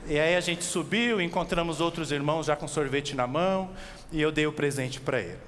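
A man with a Brazilian accent preaching an expository sermon, animated, asking his listeners direct questions and slowing down on key words. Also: on the high side. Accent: Brazilian Portuguese. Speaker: pastor. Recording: long reverb with faint background noise.

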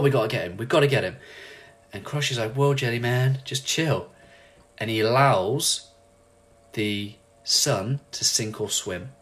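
Playing a leadership coach, a man rants through a spirited motivational talk, performing quotes in vivid character voices. He speaks on the low side with a husky quality.

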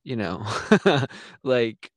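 A man's voice: mid-range voice, lively intonation, very slow, dry recording. A man appearing as a podcast guest, giving brief, agreeable replies and laughing along. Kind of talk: casual chat.

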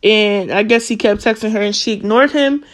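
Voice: medium pitch, normal speed, fairly bright tone. A social media commentator talking casually, reading a string of text messages aloud with frequent fillers and self-corrections.

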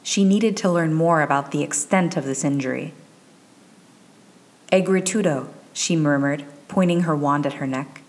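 A woman narrating a fan fiction chapter in a measured, even storytelling delivery. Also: sits low. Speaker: audiobook narrator.

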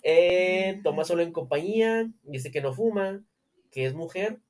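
A man's voice: high-pitched, a little slow, a little mellow. Man, Mexican accent, casual chat, jokey, swears a lot. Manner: joking, swearing, laughs often. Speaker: podcast co-host. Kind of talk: casual chat reviewing dating profiles.

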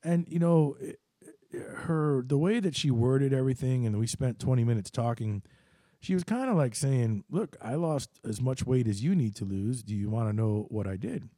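A man's voice: mid-range voice, animated, moderate pace, warm tone, no room sound. A middle-aged man hosting his own show, telling loose, rambling, self-deprecating stories and often jumping into quoted voices. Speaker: host. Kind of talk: casual storytelling monologue.

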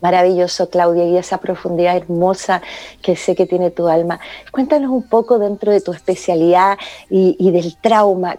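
A woman hosting a radio talk show on emotional health, speaking slowly and with effusive affection. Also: fairly low pitch, steady tone, warm tone, no echo. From Chile. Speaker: radio host.

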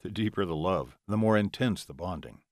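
Male narrator as calm vampire lover, low and steady, dry close recording. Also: moderate pace, no echo. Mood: tender.

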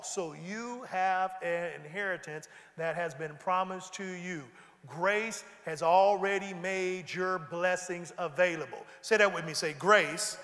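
A man preaching a sermon in a high, bright, forceful voice. He calls on the congregation to repeat his words back to him and rises to shouts. His voice rings out with a long reverb through a large church hall. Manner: preaching with call-and-response, rising to shouts. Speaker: pastor.

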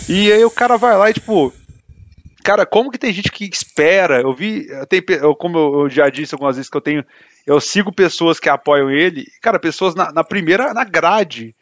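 A man's voice: fairly high pitch, animated, moderate pace, fairly bright tone, no echo. A man in casual podcast chat, talking in a heated, indignant way and filling his speech with slang.

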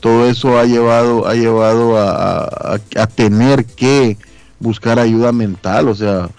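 A man co-hosting a radio talk show, speaking haltingly and repeating words. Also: mid-range voice, fairly even intonation, darkish tone, clean tone, no room sound, soft background music. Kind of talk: casual radio chat.

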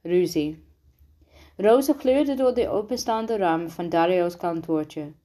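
A woman reads a children's book aloud at a slow, careful pace. She stumbles often, going back over words and restarting sentences. Her voice sits a bit low for a woman. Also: mellow. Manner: halting, frequent restarts and slips. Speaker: reader.

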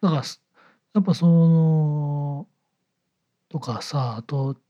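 A man's voice: on the high side, takes it slowly, mellow, muffled recording. A man from the Kyoto area with a Kyoto-style Kansai accent, chatting casually as a co-host. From Kyoto area, Japan. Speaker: podcast co-host. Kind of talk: casual chat.

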